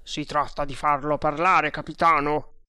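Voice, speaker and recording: A man voicing a calm, resourceful servant who speaks in a matter-of-fact way. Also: fairly high pitch, unhurried, clean tone, no room sound, studio quality. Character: calm resourceful male servant, sly and confident.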